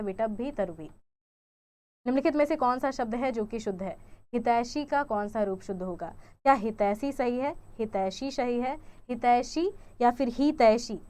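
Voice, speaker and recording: A woman's voice: fairly high pitch, a little mellow. A young woman teaching an exam-prep grammar lesson, quizzing her viewers and repeating each answer choice as a question.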